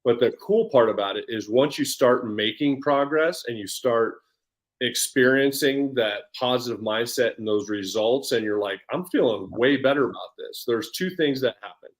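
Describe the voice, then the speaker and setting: A man's voice: medium pitch, normal speed. Upbeat coach, a man in his forties. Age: 40s. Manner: energetic and upbeat, with frequent restarts and repeated words. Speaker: personal development coach. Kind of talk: casual podcast interview chat.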